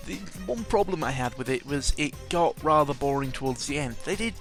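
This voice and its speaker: Clear game music sits behind a video game vlogger whose medium-pitched voice is expressive, brisk and a bit bright. His audio log is casual and full of jokes, wandering off track as he breaks in on himself with exaggerated stress.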